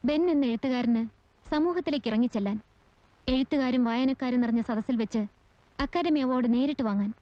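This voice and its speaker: A woman's voice: high-pitched, fairly quick, dry recording, lightly acted. An actress playing an earnest, persistent woman who pleads a writer's case, in a 1980s film. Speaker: visitor urging a parole. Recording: dull old film sound.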